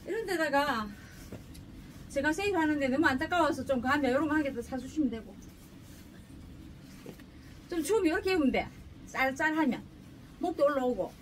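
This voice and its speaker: Middle-aged shopkeeper woman, high bouncy voice, chatty and pushy, heard from a distant camera with faint shop hum. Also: lively intonation, moderate pace, pauses often. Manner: chatty, joking, pushy seller. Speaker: clothing shop owner. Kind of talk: casual sales pitch. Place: clothing shop indoors. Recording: distant mic, faint room noise.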